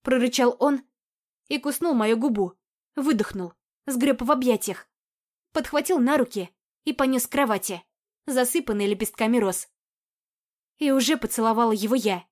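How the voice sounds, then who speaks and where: Lady reading a love story audiobook, slightly high voice, calm and intimate. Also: normal speed, long pauses. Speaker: audiobook reader. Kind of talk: first-person romance audiobook narration.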